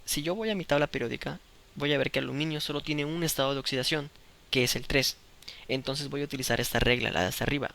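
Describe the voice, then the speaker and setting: A man teaches a chemistry lesson step by step, patiently checking that students follow by asking "¿de acuerdo?". His mid-range voice is steady, fast, gravelly, bright and forceful.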